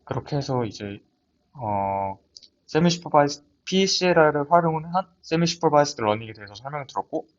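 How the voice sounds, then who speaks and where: A young man walks through a research paper in a lab seminar. His voice sits a little high and he talks hesitantly, often restarting his words. The audio is dull and lo-fi, as if from a computer mic. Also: animated, brisk. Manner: hesitant, many restarts and fillers. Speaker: student presenter. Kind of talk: academic paper presentation.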